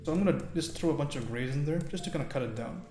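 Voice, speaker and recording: A man streaming a live painting lesson, thinking aloud in a relaxed way and often checking in with "right?" while chatting with viewers. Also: fairly high pitch, very fast. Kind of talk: live painting tutorial with chat. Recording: roomy sound with faint music.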